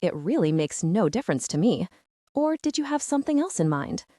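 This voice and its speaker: A woman's voice: mid-range voice, big pitch swings, brisk, dark tone, dry recording, studio quality. A woman voicing a cruel male vampire raider king who taunts with false friendliness. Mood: gloating.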